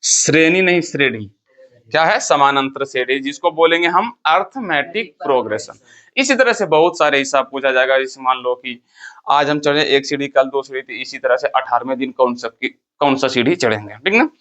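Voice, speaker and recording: A man's voice: mid-range voice, fairly bright tone. A male math teacher with a Bihari Hindi accent, lecturing a class. He asks questions, answers them himself and counts through the steps. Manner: counts step by step, repeats key terms.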